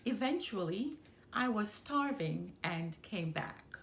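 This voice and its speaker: In an echoey, roomy space, a female storytime host reads a children's storybook aloud with expressive first-person narration. Her creaky, mid-range voice moves slowly, shaped by deliberate dramatic pauses. A little hiss or hum sits under the recording.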